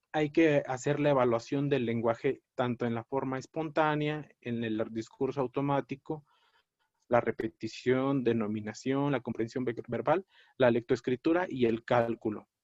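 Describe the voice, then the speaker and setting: A man lecturing on a clinical topic in a measured, explanatory way, often pausing on fillers and correcting himself mid-word. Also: medium pitch, darkish tone, no room sound. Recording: dry, dull lo-fi audio.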